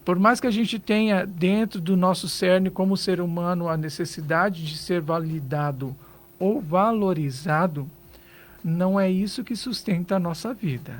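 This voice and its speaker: A Brazilian man with a notably high-pitched voice speaks as a psychologist guest in a radio studio. He advises earnestly, leaning on rhetorical questions to press his points. His pace is conversational. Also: moderate pace. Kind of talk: radio interview advice.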